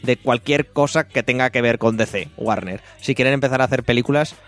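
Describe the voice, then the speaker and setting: A man with a Spain Spanish accent, hosting a casual film review chat, blunt and quick to swear. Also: medium pitch, soft background music. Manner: blunt, swears freely, rants.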